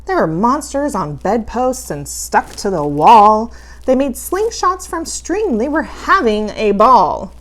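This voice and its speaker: A woman reading a children's story as a campy horror host, with dramatic, playfully spooky, drawn-out delivery. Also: a little high, sing-song.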